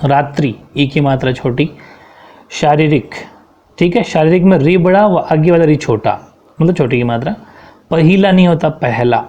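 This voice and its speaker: A man's voice: on the high side, normal speed, mellow, lo-fi sound. Man teaching a step-by-step grammar lesson. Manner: explains step by step, often checks in with "ठीक है".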